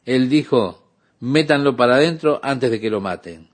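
A man's voice: medium pitch, lively intonation, moderate pace. A man preaching a sermon, retelling a scripture story with voiced dialogue and casual asides.

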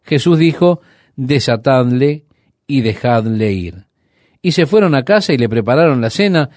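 A man preaching a sermon. He retells a Bible story in a conversational way, asks the listeners rhetorical questions and slows down to stress key sayings. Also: medium pitch, darkish tone, no room sound, studio quality.

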